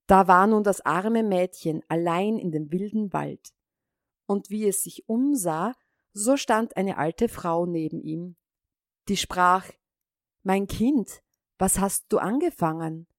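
A woman reading a fairy tale aloud in an unhurried, even storytelling manner. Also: lowish voice, dry recording, clean studio sound.

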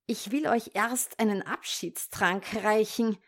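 A woman reading a storybook voices a wicked old female witch who snarls and pretends to be friendly, stretching her words slowly. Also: mid-range voice. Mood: coaxing. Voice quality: snarling, rasping.

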